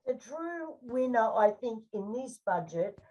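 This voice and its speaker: An Australian woman co-hosting a casual budget chat, giving her opinions in a measured way with many fillers. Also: on the high side, big pitch swings, distant mic, lo-fi sound, noisy background. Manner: measured, opinionated, frequent "you know" and "um". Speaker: co-host. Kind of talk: casual discussion of the federal budget.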